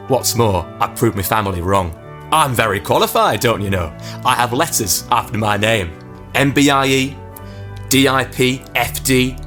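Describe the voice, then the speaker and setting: In a comic radio advert, a male actor plays a vain, self-satisfied funeral director from the 1980s, giving a pompous, joking monologue. His voice is mid-range with a fairly bright tone.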